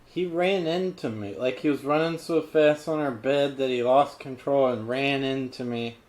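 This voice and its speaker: A man hosting a casual podcast, talking in a laconic, deadpan, hesitant way. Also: mid-range voice, normal speed. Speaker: podcast host. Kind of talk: casual chat.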